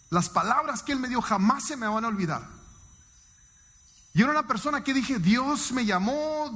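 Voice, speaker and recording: A man giving an emotional, emphatic sermon testimony to a congregation, his pitch swinging widely. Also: a bit bright. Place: church hall. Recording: long church hall reverb.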